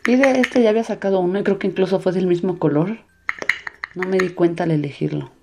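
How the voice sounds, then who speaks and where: A woman casually narrating a hands-on craft demonstration for a children's channel in a relaxed, soft-spoken way. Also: lowish voice, quick pace, gravelly, noisy background. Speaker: host of a children's slime and makeup channel.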